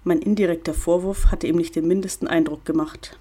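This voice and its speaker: A woman reading a first-person story aloud in steady, expressive narration. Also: fairly low pitch, a little fast, husky. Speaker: audiobook narrator.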